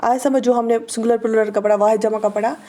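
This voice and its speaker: A woman teacher with a Kashmiri accent giving an exam-prep lesson in translation and grammar. She reads example sentences slowly, repeats them for drilling and often checks whether the students follow. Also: a little high, fairly even intonation, dark tone. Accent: Kashmiri-accented Hindi-Urdu. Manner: checks understanding with short questions.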